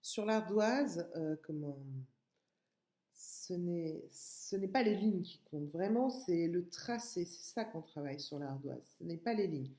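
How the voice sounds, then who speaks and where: A woman's voice: fairly low pitch, expressive, unhurried, dark tone, echoey room. A woman teacher with a French accent giving a patient, step-by-step writing lesson to young children, spelling out sounds and syllables. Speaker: kindergarten teacher.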